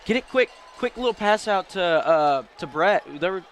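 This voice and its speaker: A man's voice: high-pitched, expressive, moderate pace, a little hiss or hum. Easygoing jokey color commentator man. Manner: laid-back, jokey, loose analysis. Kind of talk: casual football color commentary. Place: press box above a stadium.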